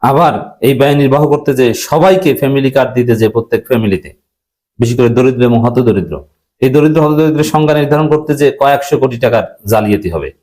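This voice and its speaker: Fast-talking man arguing a political point. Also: mid-range voice, a little mellow, rough recording. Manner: brisk, argumentative, mixes in English words.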